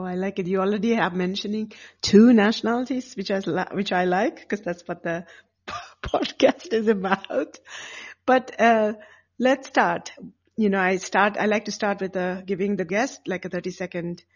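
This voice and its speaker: A woman's voice: mid-range voice, normal speed. A woman hosting a podcast interview, friendly and casual. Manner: friendly, laughs through slips. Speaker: podcast host. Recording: dull studio sound with faint music behind.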